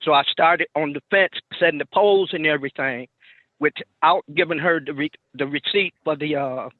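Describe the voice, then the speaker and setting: A man testifying to a judge over a muffled phone line, speaking haltingly and repeating his words. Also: on the high side, dry recording. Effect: muffled, tinny phone line. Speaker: party in a court hearing. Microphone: telephone. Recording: dry narrow phone-line sound.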